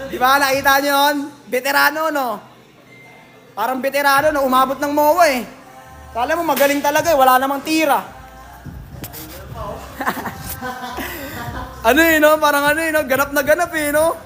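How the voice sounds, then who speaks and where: A man's voice: very high voice, steady tone, normal speed, long pauses, sharp tone, faint music behind. A man with a Filipino accent hosting a casual livestream, reading out viewer comments in a jokey, teasing way and laughing often. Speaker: livestream host at a billiards hall.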